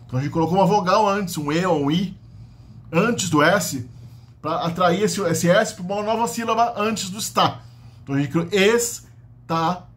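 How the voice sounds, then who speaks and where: A man's voice: high voice, moderate pace. A Brazilian man with a Brazilian Portuguese accent giving an unscripted linguistics lesson, explaining step by step with frequent tag questions and restarts. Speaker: linguistics teacher. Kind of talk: unscripted lecture.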